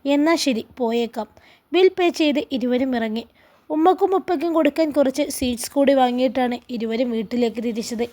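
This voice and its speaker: A woman from Kerala reading a romance story aloud as narrator, in a calm, even storytelling manner. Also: high-pitched, quick pace. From Kerala, India.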